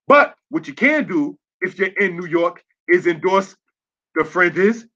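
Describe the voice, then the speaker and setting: In a dull, lo-fi recording, a man with a high-pitched, slightly bright voice leads a religious lesson over slides online. Along the way he spells words letter by letter and asks "all right?"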